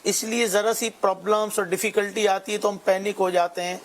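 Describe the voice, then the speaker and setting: Male religious show panelist, high voice, measured tone. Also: fairly even intonation. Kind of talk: religious talk show discussion.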